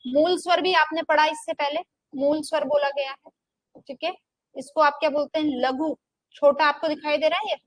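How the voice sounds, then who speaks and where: Her voice sits high, with fairly even intonation at normal speed, as a young Hindi teacher delivers a grammar lecture to a class in a dry recording. She repeatedly asks questions and answers them herself, says "ठीक है" again and again, and stretches vowels to show how long they are.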